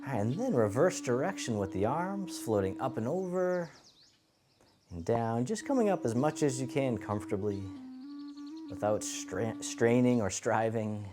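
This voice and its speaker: A man teaching tai chi, cueing each movement step by step in a gentle, encouraging, unhurried way. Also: mid-range voice, animated. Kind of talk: guided movement lesson, calm step-by-step cueing. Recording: music playing behind the voice. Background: music.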